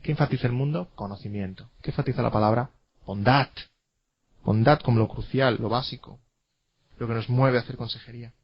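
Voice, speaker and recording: Man, classroom lecture, emphatic, rhetorical questions, mid-pitched voice, dull lo-fi sound. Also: brisk, breathy edge. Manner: emphatic, repeats key words, asks rhetorical questions. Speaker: teacher.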